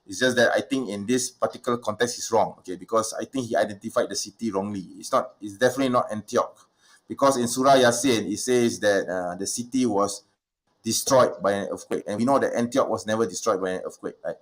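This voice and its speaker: A man with a fairly low voice hosts a casual livestream question session. He talks at length, stopping and restarting his sentences with many fillers. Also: quick pace. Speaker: livestream host.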